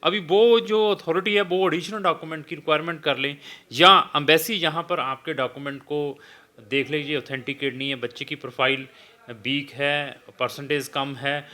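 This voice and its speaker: In an advisory video for students, a man working as an immigration consultant explains things steadily, with a bright, forceful voice that sits a little high. He mixes in English phrases and often pauses on "uh".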